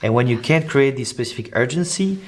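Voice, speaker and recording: A man's voice: mid-range voice, animated, fairly quick. Hesitant man interviewing. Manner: hesitant, many fillers and restarts. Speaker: podcast host, interviewer. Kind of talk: interview questions, casual.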